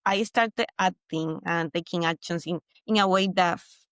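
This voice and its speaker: A woman's voice: lowish voice, normal speed, fairly bright tone, no room sound. Venezuelan woman guest, earnest and reflective. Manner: earnest, reflective, with frequent restarts. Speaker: mindset coach guest. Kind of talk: interview conversation.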